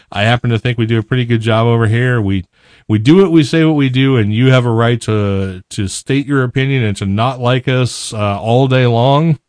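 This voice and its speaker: A man's voice: mid-range voice, darkish tone, dry recording, clean studio sound. A man co-hosting a podcast in casual chat, talking with many fillers and restarts. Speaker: podcast co-host.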